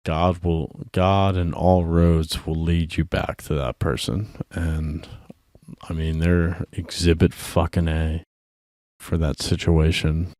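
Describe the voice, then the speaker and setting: A man's voice: sits low, little pitch movement, takes it slowly, a little mellow, no room sound, clean studio sound. A tired young man hosting his own music show, talking casually in a profane, rambling way. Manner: profane, laid-back rambling. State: tired and drinking. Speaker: host. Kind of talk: casual solo music commentary.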